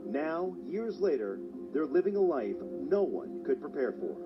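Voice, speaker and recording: A man reporting as a news journalist, narrating a scripted story in a measured way. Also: fairly high pitch, very animated, music in the background. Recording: dull lo-fi sound, faint hiss.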